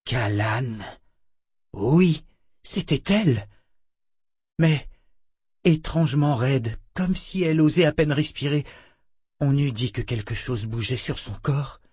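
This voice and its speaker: A man narrating an audiobook in a measured, dramatic reading. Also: mid-range voice, animated, darkish tone, breathy edge, no room sound, studio quality.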